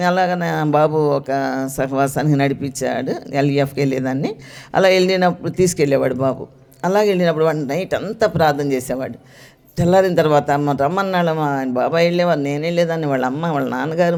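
A woman's voice: sits low, darkish tone. Earnest middle-aged woman giving testimony. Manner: earnest storytelling that acts out remembered speech. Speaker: church member giving testimony. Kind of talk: personal faith testimony.

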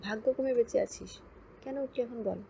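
A blustering young man who barks orders and scolds, read by a woman narrator. His gruff voice carries a gravelly edge and a dark, mellow tone, pitched a little high. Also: a little fast, slight background noise. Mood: scolding. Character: bossy young man, blustering trip leader.

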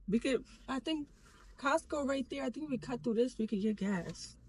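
A woman in a stuck car, calmly working out where to get gas. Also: high voice, moderate pace, a little hiss or hum. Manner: practical, plans the walk for gas. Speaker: friend in the car. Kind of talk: casual chat. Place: inside a parked car at night.

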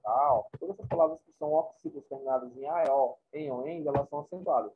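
A man's voice: a little high, quick pace, slightly rough. A man teaching a class, explaining points informally and often checking in with his students. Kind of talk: classroom lecture. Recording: tinny phone-like recording.

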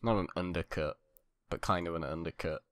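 A young man co-hosting a casual podcast, laid-back and quick to laugh. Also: deep voice, fairly bright tone, no echo, studio quality. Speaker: podcast co-host. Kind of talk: casual chat.

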